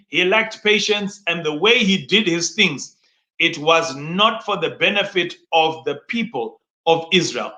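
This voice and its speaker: In an echoey, roomy recording, a preacher and teacher delivers a motivational sermon. His voice is high-pitched, bright and forceful, and his instructive style is emphatic, often raising questions he then answers himself.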